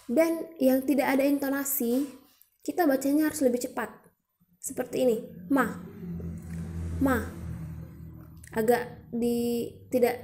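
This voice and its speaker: High-voiced young woman explaining a lesson. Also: dark tone. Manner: patient step-by-step explaining, demonstrating tones aloud. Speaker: student presenter. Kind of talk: educational explainer.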